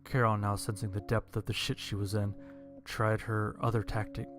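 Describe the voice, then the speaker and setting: At a moderate pace, a man reads a scripted story in a lowish voice that stays very flat, with little rise or fall. Soft music is faintly audible behind him.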